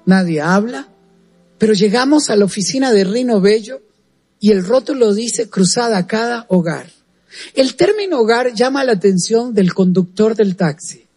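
Male presenter, high husky voice; earnest, animated testimony storytelling. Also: normal speed. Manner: earnest, animated retelling with direct asides to the listener. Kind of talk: storytelling testimony on a radio program.

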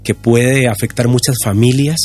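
A man's voice: mid-range voice, steady tone, darkish tone, slightly rough. A man, a pastor sharing his story earnestly, often stopping to restart his sentences. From Costa Rica. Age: 50s. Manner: earnest, halting with many restarts. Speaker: pastor and guest. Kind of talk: candid testimony on a podcast.

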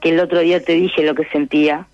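A woman with a Uruguayan accent leaving a voicemail message, halting and shy as a radio host coaches her along. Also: sits low, little pitch movement, dull audio, soft background music. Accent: Uruguayan Spanish. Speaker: caller.

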